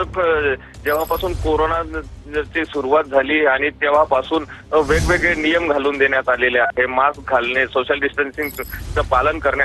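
A man's voice: fairly high pitch, pushed and bright, low-quality recording. A man, a field reporter, giving a live news update in a hesitant way with many fillers.

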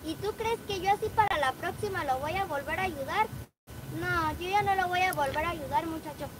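Young woman vlogger, super high voice, scolding and fed up, lots of noise in the background. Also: a little fast. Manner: scolding, firm and exasperated. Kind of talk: casual vlog chat.

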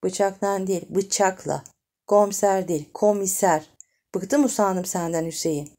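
A woman's voice: mid-range voice, unhurried, warm tone, lightly acted. A woman voicing a refined, fussy wife who keeps correcting her husband in a prim, exasperated way.

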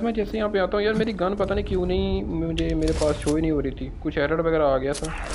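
A man's voice: a little high, background noise. A young man giving casual, joking gameplay commentary and chatting to his viewers. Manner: joking, excitable, talks to viewers. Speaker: gaming channel host.

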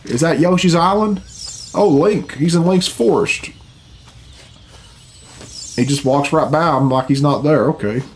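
Game cutscene music plays under slight background noise as this reaction host talks a little slowly, leaving long pauses. The middle-aged man's voice is a touch high, and he reacts casually, bluntly and with bemused swearing from his home computer room.

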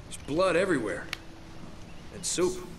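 A wry treasure hunter. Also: male voice, on the high side, sing-song, a little slow, noisy background. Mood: dry. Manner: dry, sardonic. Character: wisecracking adult male treasure hunter. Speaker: game protagonist. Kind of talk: video game dialogue. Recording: game audio over music.

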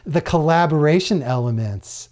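A middle-aged man hosting a video interview, asking brisk, prompting questions from a close camera. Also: a little high, a little mellow. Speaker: host. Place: studio, blue backdrop.

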